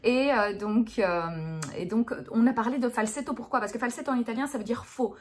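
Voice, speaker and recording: A woman's voice: on the high side, fairly quick, a little hiss or hum. A woman speech therapist giving an explanatory lesson on voice, hesitant, with many fillers and restarts.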